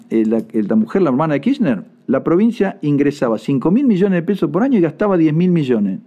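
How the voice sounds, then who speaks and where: A man's voice: fairly high pitch, mellow. An older man with an Argentine accent giving indignant, sarcastic political commentary. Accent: Argentine Spanish. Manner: indignant, sarcastic, mocks people in put-on voices. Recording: dull lo-fi sound.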